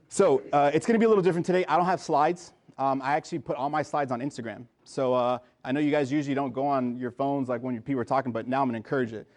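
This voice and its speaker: A man's voice: mid-range voice, a little mellow. Man, 30s, from the US, pharmacist guest speaker, informal and chatty with a room of students, plenty of fillers. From United States. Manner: informal, many fillers and restarts. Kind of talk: casual talk to students. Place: lecture room.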